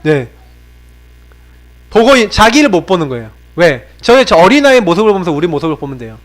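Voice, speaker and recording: Lively high-voiced man preaching a sermon. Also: a little fast. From South Korea. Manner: lively, shifts from raised exhortation to low confiding tones; asks the congregation frequent rhetorical questions. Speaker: pastor. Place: church sanctuary.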